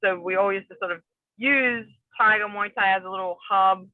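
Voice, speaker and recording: A woman's voice: medium pitch, moderate pace, dry recording. Young woman fighter from New Zealand, chatty and rambling, heard over a phone-thin video call. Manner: rambling, many fillers and restarts. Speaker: MMA fighter, guest. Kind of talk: casual interview chat. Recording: tinny phone-like remote call, dry.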